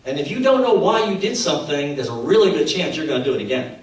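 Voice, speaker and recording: A middle-aged man with a fairly high voice tells stories to a crowd, animated and acting out every quote. He is recorded in a very echoey hall from some distance, with faint room noise behind him. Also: fast talker. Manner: animated, acts out quotes, laughs at his own stories. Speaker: speaker at a faith conference. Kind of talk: storytelling talk to an audience.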